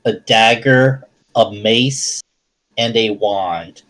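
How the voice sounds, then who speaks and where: A man's voice: on the low side, drawn-out words, a bit bright, rough recording. A man running a tabletop game as game master, narrating hesitantly with many fillers and restarts.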